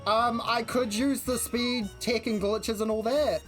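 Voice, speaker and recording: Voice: medium pitch, steady tone, a little slow. Livestreamer with a broad Kiwi accent, androgynous mid-range voice, slangy rambling chat over music. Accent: New Zealand. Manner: slangy, rambling, self-interrupting. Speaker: game livestreamer. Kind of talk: casual chat while gaming. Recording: music behind the voice.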